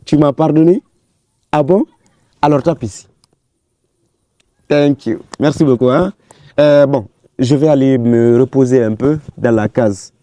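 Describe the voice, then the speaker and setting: A man's voice: mid-range voice, measured pace, pauses often, mellow, dry recording, far from the mic, close to an everyday voice. A man playing an older brother who keeps apologizing and coaxing his little sister, in a comedy film. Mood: relieved. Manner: pleading, coaxing.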